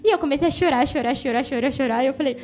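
A woman's voice: high voice, rapid-fire. A woman telling a personal story and leading a Bible devotional, talking conversationally and addressing the listener directly. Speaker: devotional speaker.

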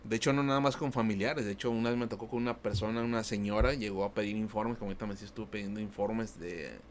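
A man's voice: lowish voice, steady tone, rapid-fire, slight background noise. A man with a Mexican Spanish accent telling an anecdote in a casual podcast chat, rambling with many fillers. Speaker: podcast co-host.

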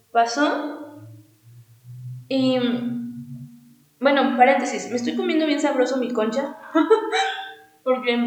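A woman's voice: on the high side, echoey room, poor audio. A young woman with a Mexico City Spanish accent hosting a podcast, telling a personal story in a rambling, slangy way full of fillers. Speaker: podcast host.

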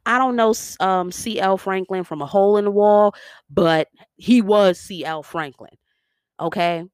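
A New York-accented vlogger talking through a review in a loose, chatty way. The delivery is animated and sassy, full of slangy asides to the audience. The sound is dry and close, with no room around it. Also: mid-range voice, dry recording. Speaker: vlogger reviewing a biopic series. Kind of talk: casual opinion commentary.

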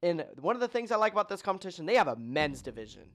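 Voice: mid-range voice, big pitch swings, racing. Podcast host, casual chat, jokey, rattles off lists, lots of ums. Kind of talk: casual podcast chat reading competition results.

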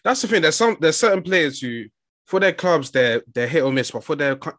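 A man's voice: on the high side, big pitch swings, fairly quick, a bit bright, no room sound, studio quality. A young adult man with a London roadman accent, chatting about football in casual street slang as a podcast co-host. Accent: London, urban slang-heavy.

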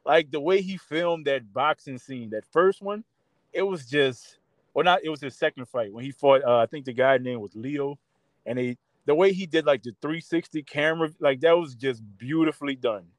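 A man's voice: on the high side, normal speed, no room sound. A man chatting casually and informally, giving his opinions in a discussion. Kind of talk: casual chat.

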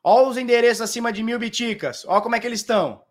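A man's voice: extremely high pitch, fast talker. A man from Santos, giving casual crypto market commentary, teasing the viewer and pointing things out with "ó". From Santos, Brazil. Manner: teasing, mocking the viewer, constant "ó".

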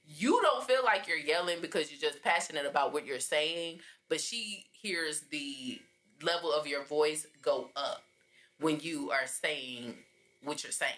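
A woman's voice: low voice, measured pace, fairly bright tone. A woman co-hosting a podcast, explaining earnestly in casual chat. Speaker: podcast co-host.

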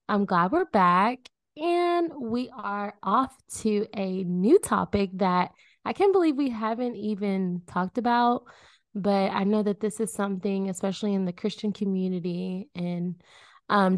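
Relaxed woman in her late twenties, dry. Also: medium pitch, measured pace, dry recording. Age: 20s. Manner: relaxed, reflective, full of fillers. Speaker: podcast co-host. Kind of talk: casual chat.

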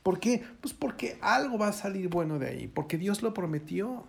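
Man, gravelly, slightly high voice, folksy casual preaching. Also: animated, normal speed. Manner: folksy, joking, acts out quoted voices. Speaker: pastor.

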